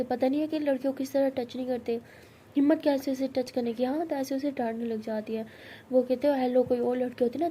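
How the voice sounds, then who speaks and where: A woman tells a love story casually, voicing the characters herself and giving both girls' lines rising pitch and force. Her tone is dark, and a little hiss or hum sits under the audio.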